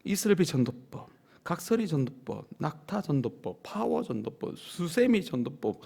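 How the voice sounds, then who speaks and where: A man preaches in a church sanctuary with a high voice. He swells into loud, emphatic peaks and then drops to low, quiet asides, leading his congregation in call-and-response lines. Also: very animated, moderate pace, gravelly. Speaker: pastor. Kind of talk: sermon.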